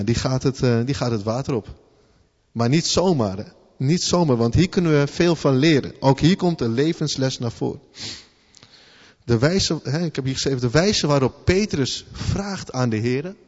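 A man's voice: medium pitch, lively intonation, normal speed, a little mellow. Man preaching informally in a reverberant hall. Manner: informal, conversational preaching with rhetorical questions and "hè" tags; repeats words and restarts while thinking aloud. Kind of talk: sermon. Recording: long hall reverb, slightly dull sound.

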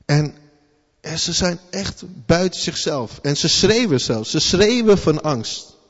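A man's voice: fairly high pitch, animated, takes it slowly. Man, sermon, conversational, rhetorical questions, repeats words, long hall echo, dull sound. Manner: informal, conversational preaching with rhetorical questions and "hè" tags; repeats words and restarts while thinking aloud. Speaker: preacher.

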